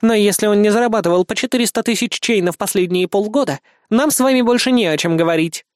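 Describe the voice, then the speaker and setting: A stern, bureaucratic registry clerk woman lectures in a formal, officious tone, as a male audiobook narrator puts her on. Her voice is raised and sits high, and the reading is dry and close. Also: fast, no echo, natural voice.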